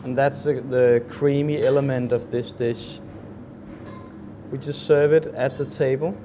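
A man in his thirties explains a dessert as he plates it, his words slow and careful, with plenty of pauses and filler sounds. His voice sits in an ordinary middle range. Clear kitchen noise hums behind him in the large professional kitchen. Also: mid-range voice, steady tone. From Denmark. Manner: slow, halting, many fillers. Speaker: chef. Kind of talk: cooking demonstration.

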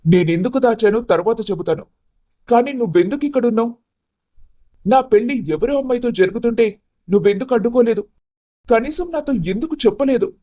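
A man voicing an upset, confused young groom in an animated story who presses with emphatic, pleading questions. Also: very high voice, brisk, no room sound.

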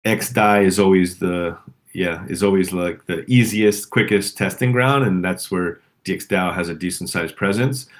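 Casting note: low-voiced man, hoarse throat, loose call host full of ums. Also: moderate pace. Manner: rambling with many fillers and restarts. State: sore throat, coughing. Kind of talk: casual community call.

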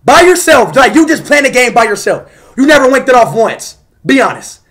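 A young man talks into a headset from a small room, his voice very high and jumping all over the place. He is excitable, yelps and shouts, and swears through loose, casual chat. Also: moderate pace. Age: young adult. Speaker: streamer. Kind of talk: loud casual chat on a live video call. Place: small room indoors at a desk. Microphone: headset mic.

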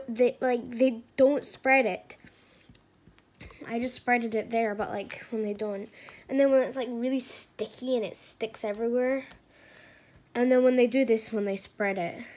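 High-voiced, exasperated woman. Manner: exasperated, sarcastic, filler-heavy. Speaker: channel owner. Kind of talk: comedic slime skit with demonstrations.

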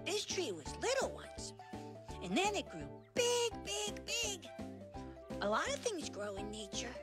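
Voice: very high-pitched, wildly swooping pitch, unhurried, loud music behind the voice, heavily acted. An actor voicing a cheerful baby boy elephant in a preschool cartoon, sweet and eager as he explains things. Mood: explaining.

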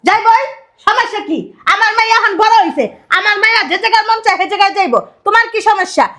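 An actress playing a sharp-tongued middle-aged stepmother who scolds sarcastically. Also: very high voice. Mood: scolding. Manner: scolding, sarcastic, rapid retorts.

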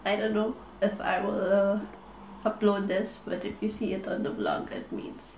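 A young woman in a tearful, snotty crying state, talking haltingly and subdued in a confessional vlog. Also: mid-range voice, little pitch movement, a little mellow, reverberant, a little hiss or hum, poor audio. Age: young adult. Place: small room indoors, close camera.

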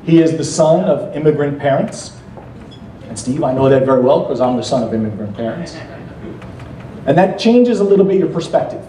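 At a political gala, a middle-aged American man steps to the podium on a banquet hall stage to introduce the keynote. The speech is formal, measured and earnest, with light jokes here and there; his voice runs on the high side, animated and mellow. Captured from across the room via the podium mic, it sounds echoey and distant, with slight background noise.

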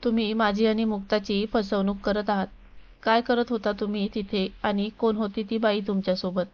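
A woman's voice: medium pitch, flat delivery, moderate pace, highs cut off, close to an everyday voice. A woman voicing a hurt wife and mother who confronts and pleads with her husband. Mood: upset. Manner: accusing, pleading.

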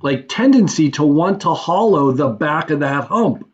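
A man's voice: fairly high pitch, animated, unhurried, lo-fi sound. A man hosting a carving session on a video call, thinking aloud and rambling with frequent restarts. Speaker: host of a carving challenge. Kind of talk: casual video-call discussion.

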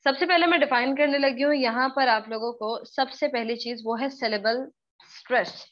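Brief: woman from Pakistan, English teacher, hoarse and tired, high pitched, keeps asking the class questions, muffled lo-fi sound. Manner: questions students often, repeats herself, slow drawn-out example words. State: hoarse, worn-out voice. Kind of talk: live online class lecture.

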